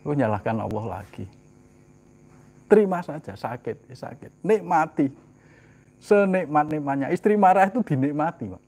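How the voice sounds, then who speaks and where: In his sermon, this husky-voiced man asks rhetorical questions and then answers them, moving at a moderate, expressive pace. His delivery shifts from loud, emphatic statements to quiet, low asides.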